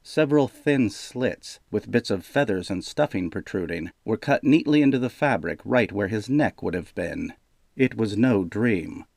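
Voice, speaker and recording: A man narrates a fantasy novel in a steady, measured way, his voice sitting on the low side. The recording is dry and close, with no room sound at all. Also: gravelly, dry recording. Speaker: audiobook narrator. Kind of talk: scripted narration.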